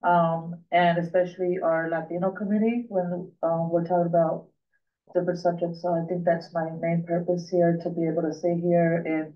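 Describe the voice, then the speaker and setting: This is a community representative introducing themselves at a public meeting with hesitant pauses. The voice is level and flat. It is picked up from a distance on a dull recording. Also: mid-range voice. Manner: hesitant, many ums.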